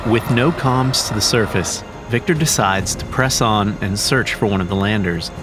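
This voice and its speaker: Male narrator for a scripted documentary, low pitch, clear music behind. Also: normal speed.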